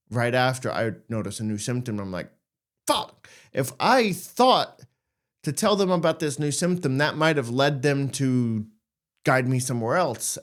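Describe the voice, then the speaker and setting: A man hosting a podcast, talking casually and candidly about anxiety, joking and acting out his own worried thoughts. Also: mid-range voice. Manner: candid, jokey, acts out anxious thoughts. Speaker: podcast host. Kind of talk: casual self-help monologue.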